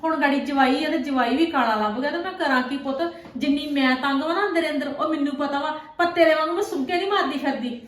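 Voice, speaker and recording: A woman's voice: high voice, quick pace, close to an everyday voice. A woman playing a stern village mother. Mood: worried. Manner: scolding, blunt, rhetorical questions. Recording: echoey room.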